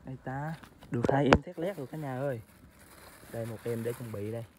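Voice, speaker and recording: A man narrating a casual food vlog outdoors by a stream, chatting to his viewers as family with excited exclamations. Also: medium pitch, fast talker, heavy background noise. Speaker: food vlogger.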